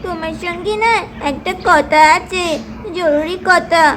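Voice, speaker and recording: Woman storyteller, chatty and fussing, very high voice; noisy home recording. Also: fairly even intonation, unhurried, a bit bright. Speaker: narrator and doll-play voice actor. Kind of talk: storytelling narration to children.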